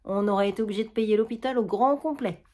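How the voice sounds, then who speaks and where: A woman's voice: medium pitch, fast, warm tone, close to an everyday voice. A woman reading a play aloud, voicing a harried middle-aged housewife who cares for her mother-in-law, with a Quebec French accent and a complaining manner. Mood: weary.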